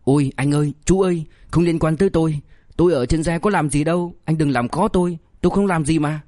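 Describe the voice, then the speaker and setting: A man puts on a cowardly, chubby young man who wails and begs, his voice pushed high and strained. The voice is close and dry, with no room around it. It is an audiobook character voice. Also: brisk, a little mellow, no room sound, natural voice. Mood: terrified pleading. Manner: wailing, pleading.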